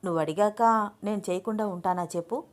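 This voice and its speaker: A woman's voice: medium pitch, brisk, natural voice. A woman voicing a teasing young husband. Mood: playful. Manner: teasing, affectionate.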